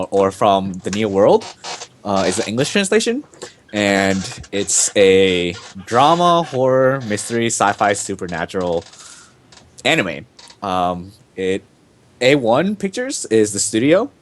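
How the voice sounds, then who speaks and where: Young man, low voice, casual podcast host, rambling, filler-heavy.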